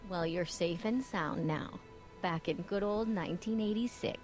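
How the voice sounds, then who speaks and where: A woman's voice: lowish voice, normal speed, darkish tone, faint music behind, natural voice, low-quality recording. A woman playing a caring, reassuring American mother in a video game. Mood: soothing.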